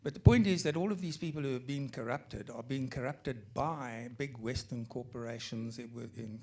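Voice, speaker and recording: A man from the audience raising a point at a panel, hesitant at first and then impassioned, with many fillers and throat clearing. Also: mid-range voice, moderate pace, a little mellow. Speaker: audience questioner.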